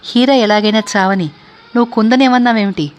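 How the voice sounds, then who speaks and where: A woman voicing a troubled middle-aged man in a read-aloud story, speaking low and subdued. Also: brisk, lightly acted. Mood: stern.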